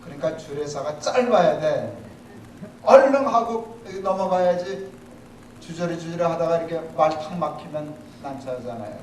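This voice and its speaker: A man, a pastor, preaching a sermon in a lively storytelling way with humor, in a church. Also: high voice, a little hiss or hum. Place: church sanctuary. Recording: echoey hall, mic from a distance.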